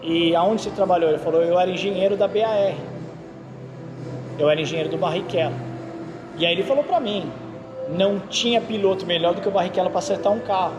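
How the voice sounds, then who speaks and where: Over background music, a Brazilian racing driver and instructor talks at a quick pace, his voice sitting high. He chats casually in an interview as an animated storyteller, constantly checking in with "entendeu?"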